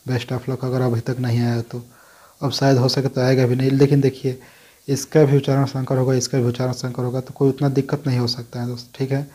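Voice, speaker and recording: This host's voice is medium in pitch, dark and flat, and he talks fairly quickly. In a casual session responding to viewer comments, he stays conversational and keeps saying "dekhiye" and "dosto."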